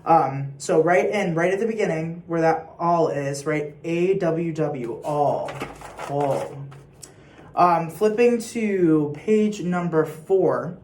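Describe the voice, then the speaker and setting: Slow-spoken choir teacher in an echoey room. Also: medium pitch, a little mellow. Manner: patient, sings example phrases. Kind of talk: recorded rehearsal instructions.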